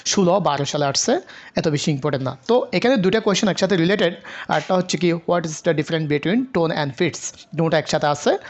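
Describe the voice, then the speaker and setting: A man teaching an online exam-prep lecture, going through a question list, mixing Bengali and English with frequent filler pauses and repetition. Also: high voice, highs cut off. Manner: mixes Bengali and English, many filler pauses, repeats himself. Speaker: online English literature tutor.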